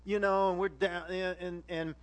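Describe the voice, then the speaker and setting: A man with a high-pitched voice preaches a relaxed, conversational sermon. He tells his stories animatedly and keeps turning to ask his congregation questions. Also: normal speed. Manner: animated storytelling, addresses the congregation directly. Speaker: pastor.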